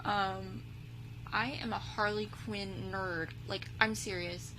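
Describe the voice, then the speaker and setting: A young woman speaks slowly in a mid-range voice, casually vlogging her reaction to a video. She rambles on, dropping "like" and "um" constantly. A steady hum sits underneath the audio.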